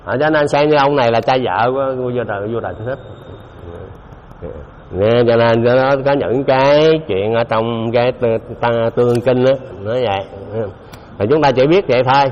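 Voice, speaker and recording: A man's voice: mid-range voice, moderate pace, a little mellow, a little hiss or hum. A man giving a Buddhist dharma talk, speaking conversationally and often putting questions to his listeners. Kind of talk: dharma talk to a live audience. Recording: dull lo-fi recording in a reverberant hall.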